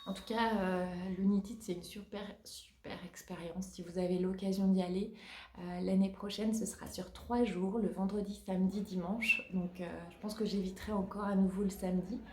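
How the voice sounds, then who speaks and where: A woman's voice: medium pitch, fairly even intonation, moderate pace, a little hiss or hum. A woman hosting a knitting podcast in casual chat, hesitant with many fillers and restarts. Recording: roomy echo.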